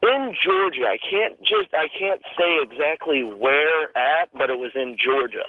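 A man calling into a radio show over a phone line, telling of something he saw, in a halting way with many restarts. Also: on the high side, sing-song, no echo. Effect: phone-line caller on a radio show. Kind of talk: telling a personal sighting on a call-in show.

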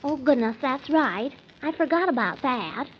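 High-pitched fretful wife, prim, stubborn, earnest, vintage radio comedy, dull lo-fi recording. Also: female voice, expressive, moderate pace, a little hiss or hum. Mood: prim, indignant. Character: prim, nervous, stubbornly clinging wife Sally. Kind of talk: old-time radio comedy acting.

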